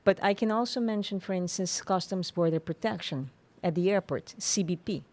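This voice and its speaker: A woman with an Aruban accent explaining things formally and in measured, hesitant phrases as an interview guest. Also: fairly low pitch, darkish tone. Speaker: tourism authority official, interview guest.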